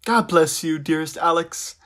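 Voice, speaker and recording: In an audio drama, an actor with a somewhat high, slightly bright, natural voice plays a young Russian crown prince reading his personal letters aloud at normal speed. The reading is formal yet playful, fond and lighthearted.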